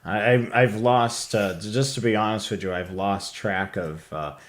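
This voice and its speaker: Lower-voiced guy on a livestream, stops and restarts a lot, casual. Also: fairly even intonation. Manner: hesitant, halting. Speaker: livestream co-host. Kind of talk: casual chat.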